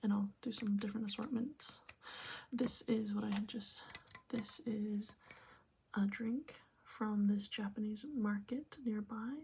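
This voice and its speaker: Casting: woman, whispered ASMR pep talk, unhurried gentle chat, breathy, close mic with clear background noise. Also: mid-range voice, steady tone. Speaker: ASMR video host. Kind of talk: whispered ASMR pep talk, chatting casually about items.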